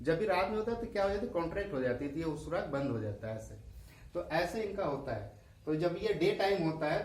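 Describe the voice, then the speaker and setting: A man's voice: fairly high pitch, a little mellow. Man teaching science with a Hindi accent, echoey room. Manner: asks questions and answers them himself. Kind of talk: classroom lesson explaining diagrams. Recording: echoey room, voice a bit far from the mic.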